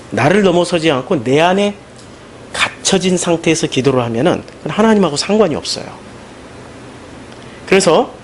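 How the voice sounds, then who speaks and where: A man preaching a Sunday sermon as pastor, animated and emphatic, with questions put to the congregation. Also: fairly high pitch, a little hiss or hum. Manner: animated, rising into emphatic questions and mocking quotes.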